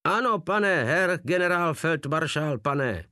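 A man voicing a frightened soldier who rattles off hurried, stiffly formal replies, in an audiobook reading. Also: a little high, expressive, fairly bright tone, no echo, clean studio sound, pitched above the performer's own voice. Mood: nervous. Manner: hurried, nervous military replies.

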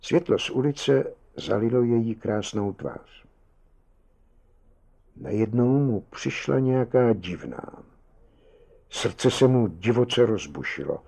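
A man narrating a story as an audiobook in a measured, dramatic way. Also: lowish voice, creaky, mellow, husky. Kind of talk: audiobook reading.

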